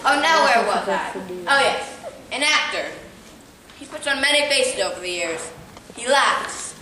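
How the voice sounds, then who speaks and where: A woman's voice: high-pitched, lively intonation, a little slow, pushed and bright, far from the mic, heavily acted. Woman doing a pompous flamboyant old-time stage actor guy, florid theatre talk, super echoey, noisy recording. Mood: grandiose. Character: rotund, pompous, flamboyant Victorian actor, a man courting a maiden. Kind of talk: theatrical stage comedy acting.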